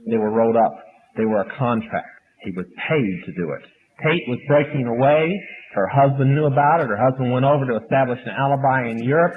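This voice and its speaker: A man lecturing an audience and taking questions in a matter-of-fact, flat delivery, heard on an old archive recording. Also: mid-range voice, a little fast. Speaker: speaker at a question session. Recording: old tinny archive recording with faint hiss.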